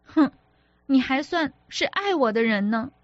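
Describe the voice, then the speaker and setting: Sulky, sharp-tongued young wife, voiced by a woman reader. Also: high voice, lively intonation, measured pace, no room sound, muffled recording, voice pushed up. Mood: reproachful. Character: petulant, jealous young wife, easily hurt. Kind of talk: audiobook character reading.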